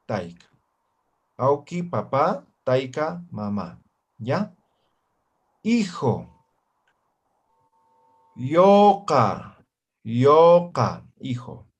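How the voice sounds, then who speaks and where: Online class teacher, male, patient and repetitive, slow delivery, video-call sound. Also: a little high, husky. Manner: slow, repeats words and checks with "¿ya?" and "¿no ve?". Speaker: Aymara language teacher.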